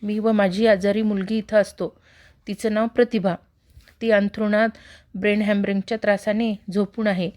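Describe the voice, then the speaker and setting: A woman voicing a gruff but kind old man of about sixty who scolds curtly. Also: medium pitch, level tone, moderate pace, a little mellow, close to an everyday voice. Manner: scolding, curt.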